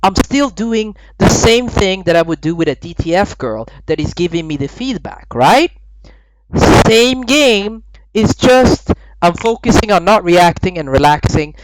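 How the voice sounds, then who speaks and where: High-pitched and lively in intonation, this man talks at a measured pace on a low-quality recording. A dating coach from Sweden in his thirties, he narrates laid-back commentary recorded separately from the footage, regularly checking in with "right?".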